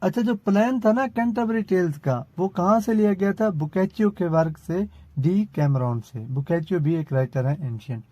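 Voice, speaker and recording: A man giving an exam-prep literature lecture, explaining step by step and reading English lines slowly. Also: sits high, lively intonation, dark tone, no echo. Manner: explains step by step, frequent "theek hai" check-ins, reads English lines slowly. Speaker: literature teacher. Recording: dull lo-fi sound.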